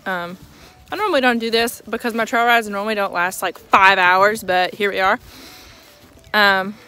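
A woman's voice: medium pitch, normal speed, bright, forceful tone, clear, resonant tone. A young woman vlogging casually outdoors at her horse barn, chatty and self-amused, sometimes talking with her mouth full. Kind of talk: casual chat while doing chores.

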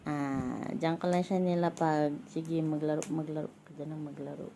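A woman's voice: low voice, fairly even intonation, normal speed, mellow, a little hiss or hum. A young mother vlogging at home, cooing baby talk to her little child. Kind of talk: casual family vlog.

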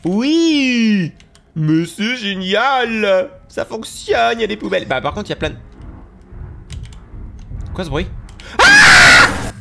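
A young man with a nasal, stuffy voice giving excitable let's-play commentary over a game, gasping and exclaiming as he goes. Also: sits high, creaky. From France. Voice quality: nasal from allergies. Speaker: gaming YouTuber.

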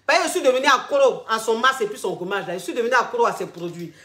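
A woman's voice: on the high side, lively intonation, quick pace, a bit bright. Chatty woman giving advice. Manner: familiar, repetitive, addresses listeners as darling. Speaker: vlog host giving relationship advice. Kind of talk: casual advice talk. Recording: roomy echo.

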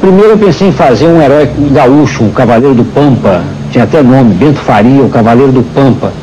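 Mellow man reminiscing in interview. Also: mid-range voice, lively intonation, fairly quick. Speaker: radio serial writer being interviewed. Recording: dull, faintly noisy interview recording.

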